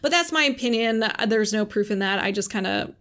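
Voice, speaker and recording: A woman's voice: mid-range voice, expressive, brisk, a bit bright. A woman hosting a podcast and explaining her work as a Reiki practitioner in a casual, chatty way, acting out quoted voices and laughing easily.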